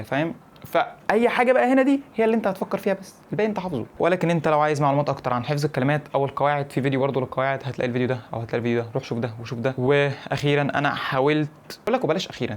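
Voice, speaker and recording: A young man with an Egyptian Arabic accent giving casual advice to camera, repeating his points and checking that the viewer follows. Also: on the high side. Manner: rapid, animated, repeats points and checks in with "فاهم؟". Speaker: English-learning YouTuber.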